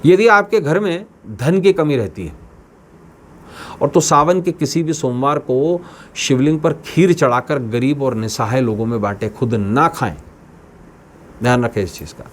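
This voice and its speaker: With a medium-pitched, unhurried voice, a man addresses viewers of his astrology channel. He delivers a scripted talk in a declaiming style full of emphatic repetitions, and there's slight noise behind him.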